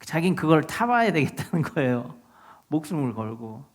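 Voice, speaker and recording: A male pastor preaching a sermon, speaking conversationally and asking the congregation questions, then rising to loud exhortation. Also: a little high, sing-song, normal speed. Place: church sanctuary.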